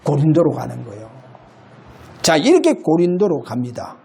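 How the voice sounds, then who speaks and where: A male pastor preaching an impassioned sermon in a church, shifting between loud and low. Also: wildly swooping pitch, moderate pace, gravelly, a little hiss or hum. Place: church sanctuary.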